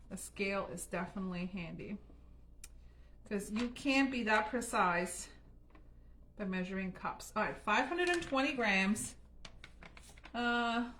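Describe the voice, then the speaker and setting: In her kitchen, a German woman runs a casual livestream of home baking, talking directly to the audience and laughing frequently. She has a mid-range, fairly bright voice, and there's a faint hiss or hum on the recording.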